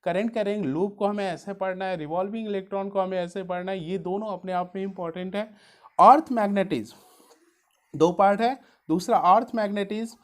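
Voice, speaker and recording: A woman's voice: medium pitch, a little mellow. A woman physics teacher explaining how to study a chapter for exams. She mixes in English science terms, calls her listeners dear students, and keeps stressing which topics are important. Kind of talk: exam study-guide lesson.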